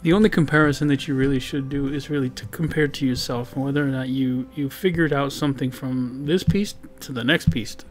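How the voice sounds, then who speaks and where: In a medium-pitched voice with fairly even intonation, a man talks fairly quickly and with few pauses during a voice-over about his painting. A digital painter and video host, he rambles casually, fills his speech with fillers and restarts, and jokes about himself over background guitar music.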